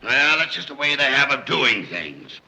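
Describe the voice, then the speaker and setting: Exasperated, forceful screwball comedy father. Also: medium pitch, very animated, normal speed, gravelly, heavily acted, poor audio. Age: middle-aged. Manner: blustering, sardonic. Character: exasperated, blustering wealthy family father. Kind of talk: 1930s screwball comedy film banter.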